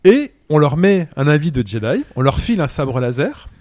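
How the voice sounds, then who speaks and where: A man in his thirties chatting casually as a podcast co-host, telling stories with lively acted-out scenes. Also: a little high, normal speed, dry recording, clean studio sound. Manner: animated storyteller, acts out scenes. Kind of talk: casual chat.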